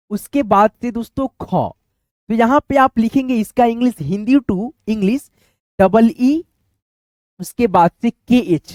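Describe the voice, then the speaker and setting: A man's voice: high-pitched, darkish tone, no echo, studio quality. A man teaching a basic spelling lesson, calling his viewers friends and stretching out words as he sounds them out. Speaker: English teacher. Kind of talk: chalkboard-style lesson explaining spelling.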